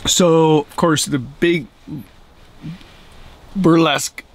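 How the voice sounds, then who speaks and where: The recording is rough, and the middle-aged man speaks very slowly in a fairly high voice. A camping vlogger, he rambles through a bedtime story in a tent at night, chuckling and animated, then offers casual trail commentary outdoors, all to a camera held at arm's length.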